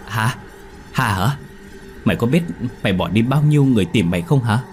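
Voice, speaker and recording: A man's voice: lowish voice, brisk, music in the background, lightly acted. A man voicing a frightened seventeen-year-old village girl who asks stammering, agitated questions.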